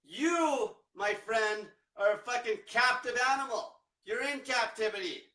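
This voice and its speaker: Casting: young male diet coach, blunt profane ranter, high voice, echoey room, distant mic. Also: a little slow, bright, forceful tone. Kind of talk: livestream rant.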